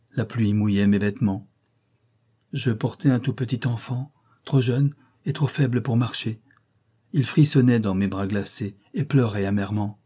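A man voicing an anxious young woman governess in an audiobook reading of a classic novel, measured and solemn. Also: mid-range voice, warm tone, slightly rough, close to an everyday voice.

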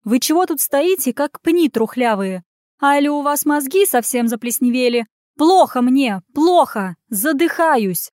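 A brash young heroine putting on a cranky granny's voice, pitched high and loud as she scolds and mocks everyone in sight, read out by a woman. The dry, close sound keeps every jab sharp and near. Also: lively intonation, moderate pace, no room sound. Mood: scolding. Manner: loud, mocking, bossy and scolding.

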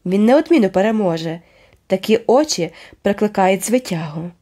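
A woman narrating a children's novel aloud in a measured, expressive storytelling manner. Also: medium pitch. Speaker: audiobook narrator. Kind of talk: scripted narration.

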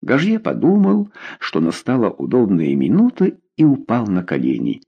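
A man narrating a historical novel aloud, with expressive, theatrical reading. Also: lowish voice, moderate pace, creaky, breathy edge, muffled recording.

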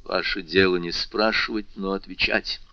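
Icy prosecutor, low slow measured delivery, bright hard edge, dry dull recording, man voicing. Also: fairly even intonation, no echo. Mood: cold. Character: cold stern royal prosecutor, middle-aged man.

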